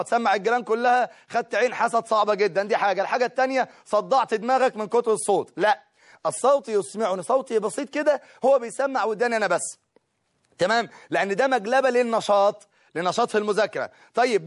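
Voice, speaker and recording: A middle-aged man with an Egyptian Arabic accent, a teacher giving study advice to students in a lively way, talking straight to them and often laughing. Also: very high-pitched. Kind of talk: study-skills talk to students.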